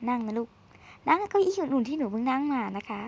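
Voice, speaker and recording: A woman's voice: high-pitched, animated, fast. A woman giving casual, chatty commentary while playing a video game, teasing and exclaiming as she goes, recorded at a desk microphone. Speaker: gaming streamer.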